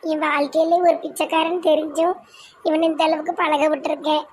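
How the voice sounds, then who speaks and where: A woman's voice: high-pitched, little pitch movement, fairly quick, slight background noise, lightly acted. A woman voicing a chatty, gossipy village woman in a cartoon, with a Tirunelveli Tamil accent. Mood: teasing. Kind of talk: cartoon voice acting.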